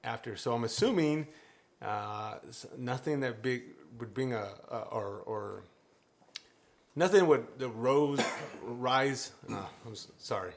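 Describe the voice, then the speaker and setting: A man's voice: mid-range voice, measured pace, slight background noise. A man from the Phoenix area chatting casually, hesitant and rambling with many fillers. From Phoenix area, Arizona. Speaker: beer club member. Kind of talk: casual group chat.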